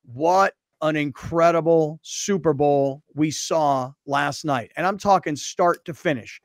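A middle-aged man hosting a sports talk radio show, energetic and conversational. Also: on the high side, takes it slowly, dry recording, clean studio sound.

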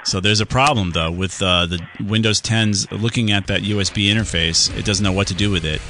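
A man's voice: lowish voice, fairly even intonation, fairly quick, pushed and bright, a little hiss or hum. A man hosting a radio call-in show, casually explaining computer fixes step by step. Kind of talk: casual call-in tech advice.

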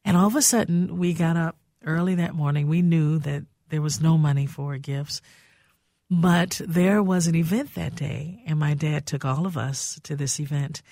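A woman's voice: low-pitched, normal speed, warm tone, no echo. An older woman hosts a radio talk show from a studio. She tells stories in a heartfelt, reminiscing way, and her voice sits close and dry with no room sound.

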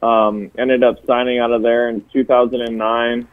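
A man's voice: mid-range voice, level tone, moderate pace, smooth. Phone-in guest: casual, self-deprecating man from Hawaii, tinny line. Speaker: phone-in guest, baseball pitcher.

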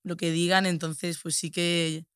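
A woman's voice: on the low side, little pitch movement, a little slow, a bit bright, clean tone, no echo, studio quality. A young woman with a Sevillian accent, a podcast guest talking in a reflective, casual way with lots of fillers and tag questions. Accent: Sevillian Spanish. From Spain.

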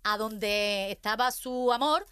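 A woman in her thirties from Venezuela, with a Venezuelan accent, joins a casual chat. She is lively, laughs easily and chimes in with eager agreement. Her voice is bright and sits a little high. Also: slow pace, smooth, no echo. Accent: Venezuelan Spanish.

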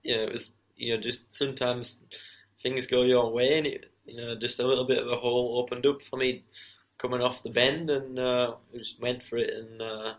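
A man's voice: medium pitch, level tone, normal speed. A male racer with a mid-range voice answering interview questions. He is casual and understated. His modest replies are padded with frequent conversational fillers. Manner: modest, understated, leans heavily on "you know". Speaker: professional motorcycle racer being interviewed.

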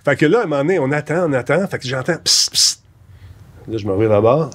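A middle-aged man with a Québécois French accent tells his stories with energy, slipping into quoted voices and English lines. His voice has a husky, slightly breathy edge. He sounds like an old music-TV host reminiscing across the table. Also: medium pitch, very fast. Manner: lively anecdote-teller, acts out voices and mixes in English quotes. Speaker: former VJ, guest. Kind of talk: animated storytelling in conversation.

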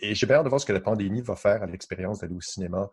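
Husky Quebec man chatting about tech. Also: fairly low pitch, rapid-fire, darkish tone. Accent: Quebec French. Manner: enthusiastic, explanatory, many fillers. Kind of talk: casual radio tech chat.

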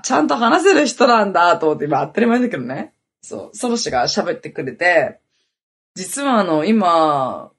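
A woman's voice: lowish voice, husky. A woman hosting a podcast, telling a long story in a rambling, casual way with lots of fillers. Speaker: podcast host. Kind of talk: casual chat.

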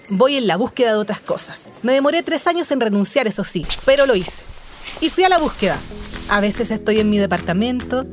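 A young Chilean woman with a Chilean accent, calmly narrating her own life story in a scripted, reflective way. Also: medium pitch. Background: music under the voice.

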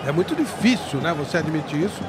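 A man's voice: on the high side, lively intonation, fast, over a noisy crowd. A Brazilian man giving opinionated live football commentary as a pundit. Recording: very noisy live broadcast.

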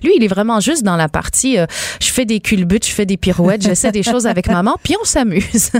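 A woman's voice: mid-range voice, fairly quick, no room sound, clean studio sound. A woman with an Acadian French accent, a guest in a casual radio interview, telling stories animatedly and laughing often. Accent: Acadian French, shifting toward Quebec. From New Brunswick, Canada. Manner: animated storytelling, acting out quoted voices, laughing often. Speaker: singer, guest.

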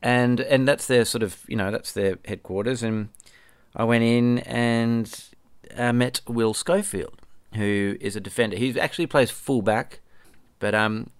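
Speaking a little slowly with fairly even intonation, a Perth-born podcast host and musician rambles casually through his solo show, often fixing his own wording and occasionally swearing. His medium-pitched voice is clear and resonant, with no echo.

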